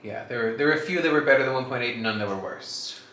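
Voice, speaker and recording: A man's voice: medium pitch, fast, pushed and bright. A man talking casually and a little hesitantly as he works through an observing task, thinking aloud. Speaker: astronomy observer. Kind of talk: casual vlog talk while working. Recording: echoey room with faint background noise.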